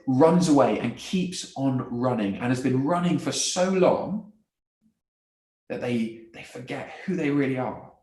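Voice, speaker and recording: Male speaker, mid-range voice, earnest gospel talk with repeats and hushed moments, roomy echo. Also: mid-range voice. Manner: earnest, repeats words, drops to soft quiet phrases. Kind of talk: evangelistic talk. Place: university event room. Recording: echoey room.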